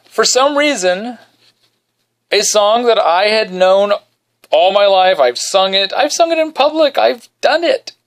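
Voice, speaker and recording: Speaking at a measured pace in a baritone, this podcast host tells a story that pokes fun at himself from his bedroom. His delivery is casual and animated, and now and then he quietly sings short snippets.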